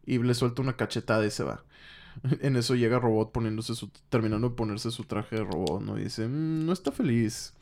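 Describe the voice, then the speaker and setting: A man's voice: little pitch movement, brisk, vocal fry, darkish tone. Mexican man animatedly recapping a comic. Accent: Mexican Spanish. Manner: acts out characters' lines with raised pitch. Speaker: podcast co-host recapping a comic book. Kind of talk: casual storytelling recap.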